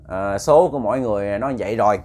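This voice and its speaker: Guy doing a bossy old lady ghost w/ southern vietnamese accent, loud and scolding, voice pushed up high. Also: fast, natural voice. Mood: stern. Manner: scolding, blunt, raised voice. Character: spirit of a stern old woman speaking through a possessed woman.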